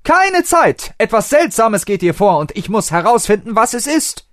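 A man voicing an eccentric, excitable male time traveler who talks in exclamations. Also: mid-range voice, a little slow, no echo, studio quality, voice pushed up. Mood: excited. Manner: exclamatory, breathless enthusiasm.

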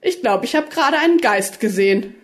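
A skittish young woman who snaps back with cheeky remarks, as a woman reads her. Her lively voice rises and falls freely in this storybook reading. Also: a little high, brisk, pitched above the performer's own voice, close to an everyday voice. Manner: jumpy, sassy. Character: nervous, sharp-tongued young woman companion.

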